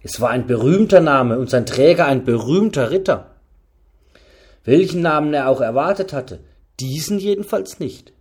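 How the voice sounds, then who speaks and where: A man narrating an audiobook of a knightly adventure, his voice slightly high for a man. He tells the story at a steady, even-handed pace. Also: normal speed, slightly rough.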